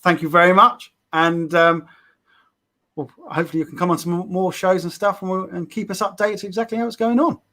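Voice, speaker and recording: A fairly high-voiced English man hosts a casual live stream. He talks in an upbeat, rambling way, tripping over and repeating words as he goes. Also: steady tone, fairly quick, bright, forceful tone. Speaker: show host.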